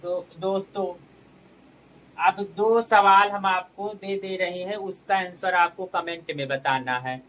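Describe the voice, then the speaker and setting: A man's voice: sits high, steady tone, takes it slowly, a bit bright, recorded from a distance, rough recording. A man teaching a maths lesson step by step, calling his viewers friends as he works through each sum.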